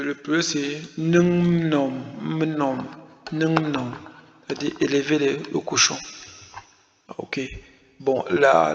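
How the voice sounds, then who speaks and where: Gravelly man teaching slowly in an echoey room. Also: a little high. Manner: repeats words slowly, hesitant fillers. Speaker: language teacher. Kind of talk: spoken language lesson. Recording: echoey room, dull lo-fi sound.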